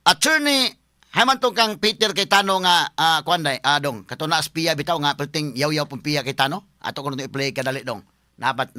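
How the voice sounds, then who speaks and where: A man, a lawyer hosting a casual online commentary, talking to viewers as friends with a halting, filler-heavy delivery. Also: mid-range voice, bright, forceful tone. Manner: chatty, talks straight to viewers as friends; halting, with many fillers and restarts.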